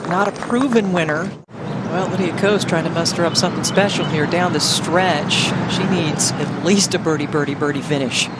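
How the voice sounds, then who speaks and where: A man commentating live on a golf tournament in a measured broadcast style. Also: fairly high pitch. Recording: very noisy outdoor broadcast, crowd behind.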